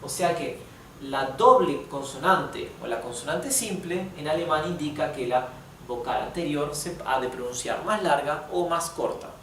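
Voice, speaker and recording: Man, slow patient teacher, slightly high voice, echoey room, distant mic, faint background noise. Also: animated, a bit bright. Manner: patient, slow and repetitive, reads examples aloud slowly. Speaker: German teacher. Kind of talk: explaining grammar and pronunciation.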